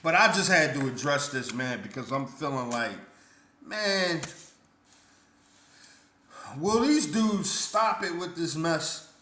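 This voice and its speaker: A man vents his opinion in a casual vlog rant. His delivery is blunt and indignant, full of repeated words and restarts, with a fairly high, bright and forceful voice. The room around him rings with noticeable echo. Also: animated, slow pace, pauses often. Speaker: vlogger. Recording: roomy echo.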